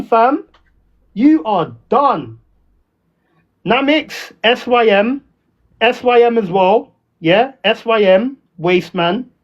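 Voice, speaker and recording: A man with a London roadman accent and slang, ranting on a livestream in a taunting, confrontational, repetitive way. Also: high voice. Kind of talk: ranting livestream trash talk. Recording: dull lo-fi audio.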